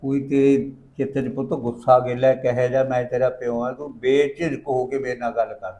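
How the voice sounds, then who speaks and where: A man's voice: mid-range voice, little pitch movement, normal speed, mellow, natural voice. An actor playing a weary, defensive rural father who coaxes and pleads with his daughter. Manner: coaxing, then pleading and defensive.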